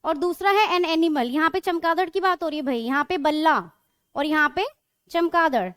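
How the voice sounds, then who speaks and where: A woman's voice: very high voice, normal speed, a bit bright, no room sound, studio quality. A woman teaching English grammar in a classroom lecture, explaining patiently and often checking that students follow.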